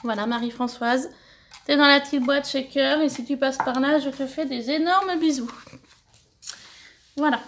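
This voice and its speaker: A middle-aged woman from France hosting a scrapbooking channel, chatting warmly as she opens fan mail, thanking senders and sometimes stumbling over her words. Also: high voice, moderate pace, pauses often. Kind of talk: casual mail-opening vlog.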